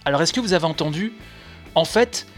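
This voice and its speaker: A man's voice: on the high side, expressive, brisk, soft background music. A man hosting a daily video game news podcast, chatty and self-mocking with jokey asides. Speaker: podcast host.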